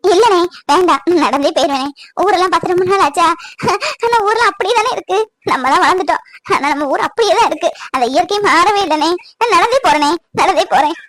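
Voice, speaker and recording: A woman plays a homesick younger sister in an animated drama, wistful and close to tears. Her voice is very high and soft. The recording is dry and close. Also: fast, no room sound. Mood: gentle. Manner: emotional, tearful, wistful. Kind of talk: cartoon voice acting.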